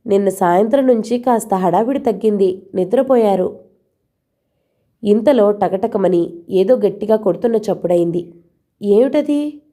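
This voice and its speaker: A woman's voice: mid-range voice, moderate pace, mellow. A woman narrating a novel in the first person, reading expressively as a storyteller.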